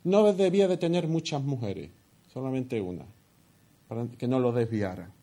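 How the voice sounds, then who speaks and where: A man's voice: mid-range voice, expressive, normal speed, dark tone. A man preaching a sermon, explaining a Bible passage with rhetorical questions and frequent "¿no?" tags. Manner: expository, asks rhetorical questions, tag "¿no?". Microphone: headset earpiece.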